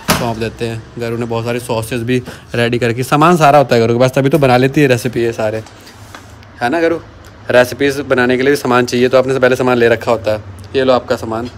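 Here a male vlogger with a medium-pitched voice jokes around casually while shooting a home cooking video on his phone. A little hiss or hum sits under the recording.

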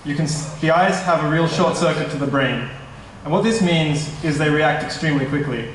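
A young tech startup presenter gives a conference presentation in a large indoor meetup hall, casual but slightly nervous and correcting himself as he goes. His voice is a little high at normal speed. A stand mic at a distance picks up the echoey room plus a little hiss or hum.

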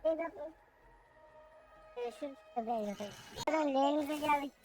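A gamer with a pitched-up helium voice effect, giving casual, cocky, crude gameplay commentary with slang and swearing. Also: moderate pace, a little mellow. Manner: cocky, crude, mock-tutorial. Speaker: gaming video creator commentating own gameplay.

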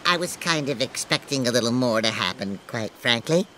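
An actor voicing a dim, philosophical male rabbit in a cartoon, with a dithering, deadpan, rambling delivery. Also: mid-range voice, normal speed, a little hiss or hum, poor audio. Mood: musing. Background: cartoon music.

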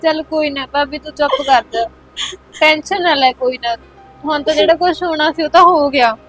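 An actress playing a young woman who haltingly breaks sad news to her mother and sister-in-law. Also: sits high, fairly bright tone, faint music behind. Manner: hesitant, halting, consoling. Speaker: sister, daughter.

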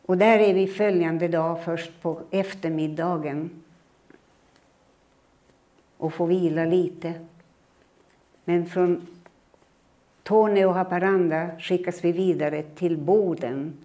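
A woman in her eighties from Finland tells her life story in a measured, reflective lecture. Her voice sits a little low and sounds mellow and warm. She recreates her own remembered words as she goes. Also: steady tone. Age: 80s.

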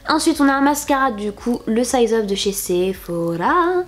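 A woman's voice: on the high side, very animated, normal speed. A young woman talking casually to the camera as a beauty vlogger, chatty, with many fillers and restarts and playful little reveals. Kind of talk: casual haul video chat.

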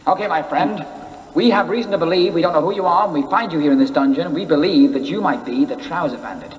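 A man's voice: a little high, quick pace, distant mic, close to an everyday voice. A man playing a pompous, flustered rescuer who wants a knighthood in a comedy sketch. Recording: dull old record with hall reverb and hiss.

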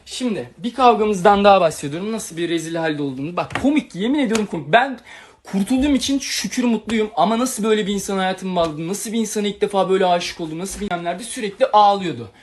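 A man's voice: high-pitched, fast talker. A young man talking on a livestream, telling a long personal story in an agitated, rambling way and acting out the quarrels he recounts. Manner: agitated, rambling, retells quarrels with quoted lines. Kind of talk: emotional livestream monologue.

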